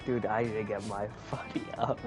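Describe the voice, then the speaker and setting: A man's voice: fairly low pitch, fairly even intonation, moderate pace, a little mellow, faint music behind. A man joking and swearing with friends while they play a game. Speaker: player. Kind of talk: casual gaming banter.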